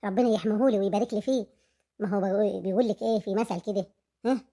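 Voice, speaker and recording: A woman's voice: mid-range voice, fairly even intonation, rapid-fire, warm tone, lightly acted. A woman playing a young wife who talks fondly and proudly of her husband, with an Egyptian accent.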